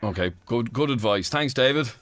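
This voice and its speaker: Bright, lively Dublin male radio co-host. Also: mid-range voice, normal speed, no room sound, soft background music. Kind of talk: bantering talk radio chat.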